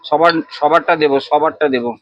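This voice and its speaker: A man acting as temple priest, briskly directing devotees as they set out offerings and chanting prayers during worship. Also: fairly high pitch, muffled recording, a crowd in the background. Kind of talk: live devotional worship vlog.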